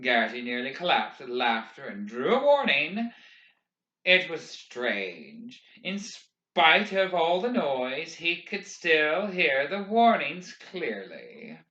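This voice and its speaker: A man reading a novel aloud in expressive, measured audiobook narration. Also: on the high side. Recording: roomy, dull lo-fi recording.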